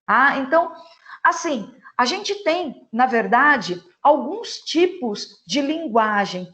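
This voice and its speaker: A woman teaching an online class. Her voice sits a little high, and she explains patiently, checking in with the students at the end of each point. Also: sing-song, slow, sharp tone. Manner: explanatory, with frequent "tá?" and "né?" tags.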